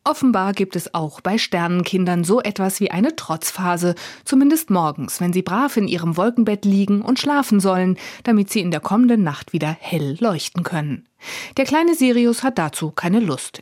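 A woman reading a scripted radio book review in a wry, clear manner. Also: mid-range voice, a little mellow, no room sound, clean studio sound.

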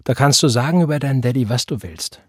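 A man voicing a stern, weary mother who sharply defends her husband, with a husky voice, in an audiobook reading. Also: mid-range voice, lively intonation, quick pace, no echo, clean studio sound. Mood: scolding. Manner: scolding, sharp, rising heat.

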